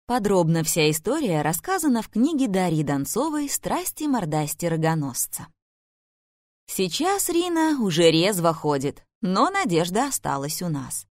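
Lively woman narrating an ironic novel. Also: mid-range voice, normal speed, hardly any pauses, dry recording, clean studio sound. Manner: lively, expressive reading. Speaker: audiobook narrator.

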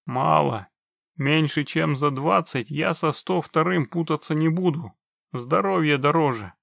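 A man voicing a cold, mercenary witcher who speaks with chilling, mocking calm. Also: on the high side, measured pace, vocal fry, dry recording, exaggerated voice. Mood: coldly mocking. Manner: icily calm, dry, mocking. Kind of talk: audiobook reading.

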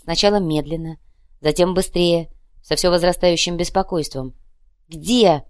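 Low-voiced woman narrating an audiobook. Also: steady tone, moderate pace, darkish tone, dry recording, studio quality.

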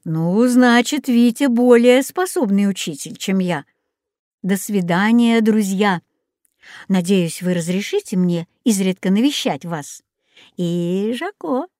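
A woman's voice: mid-range voice, expressive, slow pace, mellow, dry recording, clean studio sound. A woman reading the lines of a polite grown man who owns a parrot, in a storybook. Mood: gentle.

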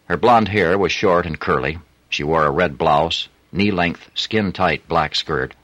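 A man narrating a thriller audiobook in a measured, suspenseful way. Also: low-pitched, fairly bright tone, no room sound, muffled recording. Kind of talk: scripted narration. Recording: dry close studio sound.

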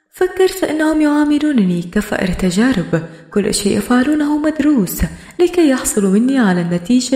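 A woman reading a novel aloud in steady, grave first-person narration. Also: fairly high pitch, echoey room. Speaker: audiobook narrator.

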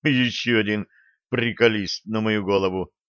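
A man voicing a gruff, sardonic male starship captain who gives bossy orders, in a dull lo-fi audiobook recording. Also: lowish voice, fairly even intonation, unhurried, a bit bright, no echo. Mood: stern mocking. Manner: bossy, grumbling.

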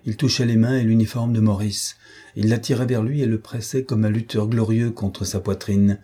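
Husky, dark-voiced male narrator. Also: lowish voice, steady tone, moderate pace. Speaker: audiobook narrator. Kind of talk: scripted literary narration.

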